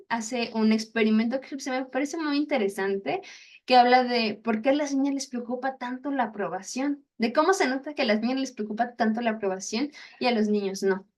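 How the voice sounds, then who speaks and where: Chatty young woman teaching. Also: a little high. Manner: chatty, acts out inner voices, laughs at herself. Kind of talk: casual teaching talk.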